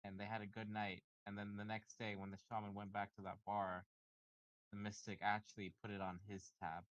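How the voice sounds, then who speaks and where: A man's voice: on the low side, flat delivery, a little fast, lo-fi sound. Rambling male tabletop player. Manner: rambling, stumbling over words. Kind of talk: casual tabletop chat, telling a mock story.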